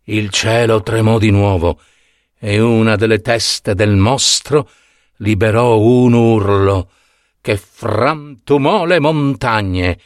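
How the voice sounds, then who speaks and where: A man's voice: fairly low pitch, takes it slowly, no echo, clean studio sound. A man narrating a mythological story in a scripted, dramatic manner. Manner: dramatic, wide-ranging storytelling.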